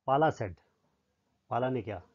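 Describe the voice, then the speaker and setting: A man's voice: medium pitch, lively intonation, normal speed, a little mellow. A man with a Punjabi accent, a teacher explaining a lesson to children word by word and asking them questions, on a slightly dull lo-fi recording.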